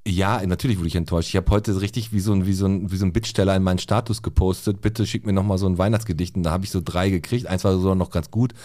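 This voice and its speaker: A man's voice: low-pitched, fairly even intonation, quick pace, hardly any pauses, warm tone. A man co-hosting a podcast in casual chat, rambling and laughing often. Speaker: podcast co-host.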